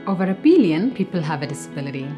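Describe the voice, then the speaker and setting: A woman from Africa presenting a training module in calm, scripted narration. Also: on the low side, very fast, music in the background.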